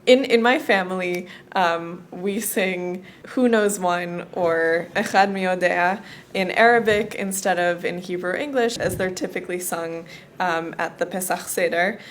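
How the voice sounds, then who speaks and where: A young woman speaks earnestly in an interview. Her voice sits a little low, and she sounds keen. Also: measured pace, a little hiss or hum. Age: young adult. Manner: earnest, enthusiastic. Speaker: student in the program. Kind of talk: interview testimonial.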